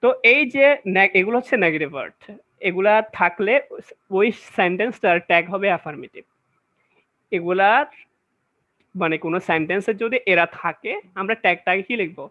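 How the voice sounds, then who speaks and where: A man's voice: high-pitched, fairly quick. A man teaching English grammar in a classroom-style lecture, explaining step by step and checking that listeners follow. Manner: explains step by step, often checks understanding with questions. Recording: dull lo-fi recording.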